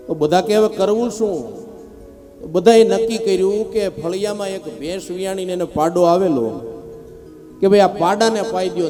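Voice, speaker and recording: A man preaching a devotional sermon as a lively storyteller who acts out the characters in his parable. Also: a little high. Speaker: scripture reciter.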